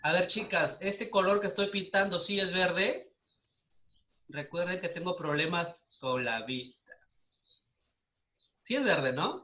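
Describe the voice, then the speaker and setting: A man's voice: high voice, lively intonation, a little slow, long pauses, sharp tone, a little hiss or hum. A man with a Peruvian Spanish accent teaching a primary school class online, patiently asking questions and repeating the answers. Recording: echoey room.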